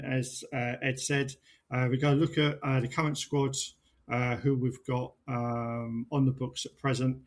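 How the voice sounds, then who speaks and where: Gravelly man hosting a podcast. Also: mid-range voice. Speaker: podcast host. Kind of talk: casual sports podcast chat.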